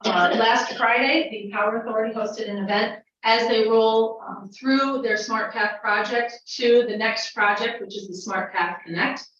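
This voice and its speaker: Woman, county official, measured meeting report, muffled, very echoey hall. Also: on the high side, fairly even intonation, a bit bright, slight background noise. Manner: measured, with frequent "um" fillers. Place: county legislature meeting room. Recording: dull, echoey chamber audio from a distant mic.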